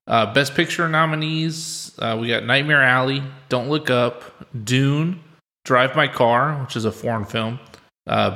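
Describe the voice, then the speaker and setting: A man's voice: mid-range voice, bright, forceful tone. A man hosting a casual film podcast chat, sounding like he is recording in an empty room. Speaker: podcast host.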